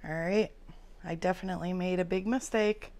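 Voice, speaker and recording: A woman's voice: fairly low pitch, fairly even intonation, moderate pace, a little mellow. A woman hosting a video, chatting casually through an unboxing. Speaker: video host.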